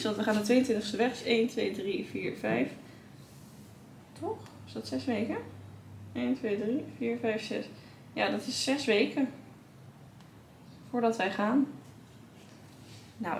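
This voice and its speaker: A young woman with a Dutch accent, chatting casually to a handheld camera at arm's length in her apartment, thinking aloud in a relaxed way. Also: mid-range voice, a little hiss or hum. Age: young adult. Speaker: vlogger. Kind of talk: casual vlog chat. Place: apartment living room, indoors.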